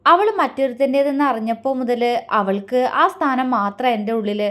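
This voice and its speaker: Casting: a gentle, quick-talking young man in a storybook romance, calm and teasing, read by a woman narrator. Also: fairly high pitch, close to an everyday voice.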